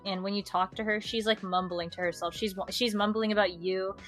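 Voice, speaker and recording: Bright-voiced woman streamer chatting. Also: medium pitch, fairly quick, soft background music. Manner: animated storytelling with many fillers and laughs. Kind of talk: casual chat.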